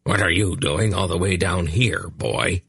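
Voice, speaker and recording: A gravelly, growling old hunchbacked sorcerer with a deep, rough voice, as a man puts him on. He is irascible and blunt in an audiobook reading, close and dry with no room sound. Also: a little slow, a bit bright, no room sound, full character voice. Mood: gruff.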